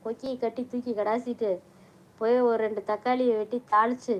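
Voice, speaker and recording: A middle-aged woman hosting a casual live stream, chatting warmly with viewers, reading out their comments and mixing in English words. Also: fairly high pitch, level tone, brisk, muffled recording.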